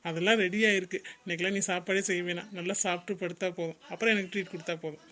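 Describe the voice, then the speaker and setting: A man's voice: high-pitched, fairly even intonation, racing, bright, forceful tone. A man voicing Santhosh, a playful, mocking young husband in a cartoon, joking at his wife's expense. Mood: affectionate.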